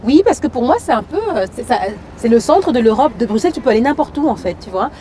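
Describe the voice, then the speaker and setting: A woman from Cameroon, an actress and singer, chatting as an interview guest in a lively way, full of fillers and "you see". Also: fairly high pitch, fast, a little hiss or hum. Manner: lively, frequent fillers and "tu vois". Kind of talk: casual interview chat.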